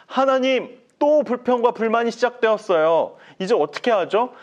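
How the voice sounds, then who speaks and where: A man's voice: extremely high pitch, lively intonation, moderate pace, muffled recording, pitched above the performer's own voice. A man voicing the prophet Moses as an anxious, whiny adult man in a children's Bible story. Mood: pleading. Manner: whiny, fretful pleading.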